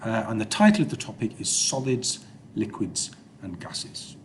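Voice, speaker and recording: A man's voice: mid-range voice, sing-song, moderate pace, noisy background. A man teaching an informal recorded science lesson over slides in an explanatory manner, often checking with okay and yeah.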